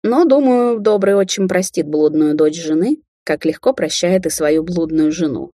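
Woman voicing a scornful young witch daughter, husky, storybook read. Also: fairly low pitch, moderate pace, dark tone, no echo, natural voice. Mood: cold. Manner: sarcastic, taunting. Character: young adult woman sorceress, mocking daughter. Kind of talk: audiobook character voicing.

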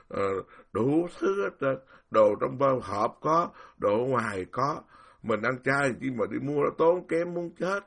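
A man's voice: a little high, creaky, sharp tone. An older man, a Buddhist monk with a Southern Vietnamese accent, giving a casual and indignant dharma talk. He rambles, repeats words and breaks into laughter.

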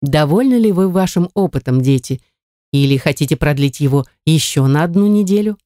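A calm, wise mother of four girls, as a woman reader voices her, speaking in a patient, instructive way. Her voice sits fairly low and mellow. The recording is dry and close. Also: brisk, dry recording. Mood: gently instructive. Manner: gentle, instructive.

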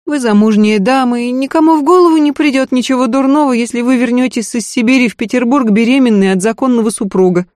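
A woman's voice: fairly high pitch, fast, hardly any pauses, a little mellow, no echo, clean studio sound, pitched above the performer's own voice, lightly acted. Woman doing timid frightened maid. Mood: pleading. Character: timid young housemaid, frightened, pleading.

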